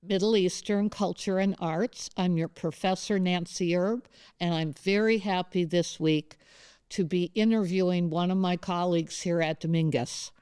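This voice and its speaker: Female professor host, low-pitched, smooth and clear, dry close sound, loose rambling delivery. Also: fairly even intonation, normal speed, darkish tone, no echo. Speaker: professor and interviewer. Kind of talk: conversational interview. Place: campus studio.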